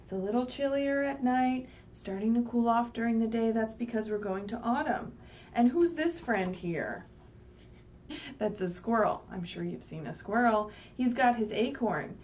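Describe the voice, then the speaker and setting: Reading a picture book aloud to young children, this woman uses a slightly high, darkish voice with lively intonation and a moderate pace. Her sing-song delivery includes patient, simple explanations and frequent questions, often checking in with "right?". It's a livestream, picked up on a distant mic with faint background noise.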